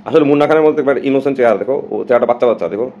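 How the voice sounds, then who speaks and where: A man's voice: mid-range voice, racing, muffled recording, a little hiss or hum. A man from Bangladesh, talking casually and emphatically to his viewers on a live stream and slipping English phrases in.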